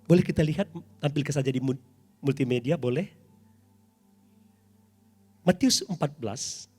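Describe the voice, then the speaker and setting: A middle-aged man preaching a sermon as pastor in a church, dramatic and animated, with sudden loud highs. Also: normal speed, husky, faint music behind.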